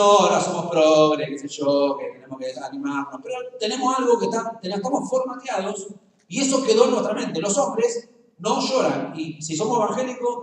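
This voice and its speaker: Argentine guy preaching, high voice, far from the mic, lots of church echo, jokey. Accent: Rioplatense Spanish. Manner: humorous, conversational, addresses the congregation directly. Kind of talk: sermon. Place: church hall. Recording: very echoey church, voice from afar.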